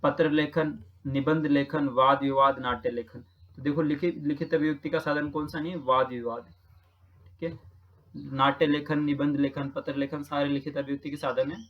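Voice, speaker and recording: A man's voice: on the high side, flat delivery, moderate pace, muffled recording. A man from Rajasthan who teaches, patiently talking through practice exam questions and repeating each answer with frequent check-ins. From Rajasthan, India.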